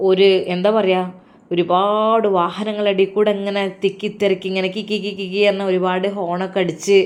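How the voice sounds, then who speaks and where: A woman voicing a gentle young father who soothes his children with soft reassurance, in a Malappuram accent. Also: mid-range voice, lightly acted. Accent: Malappuram Malayalam.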